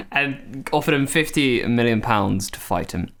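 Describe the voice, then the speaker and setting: A man's voice: mid-range voice, a bit bright. A young man co-hosting a casual podcast, bantering and laughing, with a bit of swearing. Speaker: podcast co-host.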